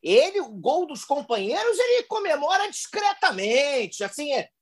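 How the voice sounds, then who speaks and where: A man joining a casual football podcast as panelist, animated and joking. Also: extremely high pitch, normal speed.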